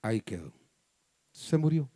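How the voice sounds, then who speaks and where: Colombian pastor telling a dramatic testimony. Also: male voice, mid-range voice, sing-song, measured pace, no room sound. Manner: dramatic storytelling, acting out voices with sudden loud and soft turns. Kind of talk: sermon testimony. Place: church hall.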